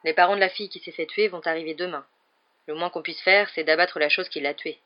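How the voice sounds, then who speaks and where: A woman reading aloud, voicing a cold, calculating teenage schoolboy who speaks in smooth, quiet threats. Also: fairly low pitch, steady tone, fast talker, dull audio, lightly acted. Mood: coldly menacing.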